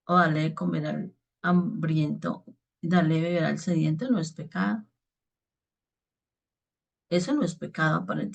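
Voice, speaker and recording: A woman's voice: fairly low pitch, vocal fry, a little mellow. A woman preacher giving an earnest spoken reflection on the daily gospel, often checking in with her listeners.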